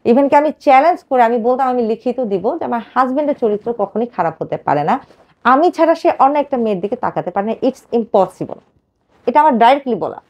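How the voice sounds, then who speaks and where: A woman in her thirties tells her own life story to a host, fast and emotional, with many fillers. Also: fairly high pitch, expressive, a little mellow. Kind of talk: personal life story told to a radio host.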